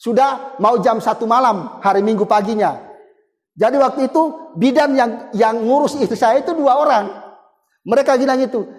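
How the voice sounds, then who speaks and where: A man's voice: extremely high pitch, moderate pace, darkish tone, long reverb tail. A man, preaching a sermon and telling a personal testimony in a conversational, storytelling way. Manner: conversational, storytelling with acted quotes and chuckles.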